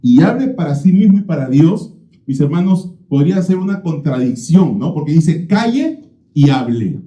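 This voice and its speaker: A man's voice: a little high, expressive, moderate pace, mellow. A man preaching an expository sermon as a pastor. He is emphatic, repeats key phrases and asks rhetorical questions, recorded in a church. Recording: roomy, slightly dull church recording.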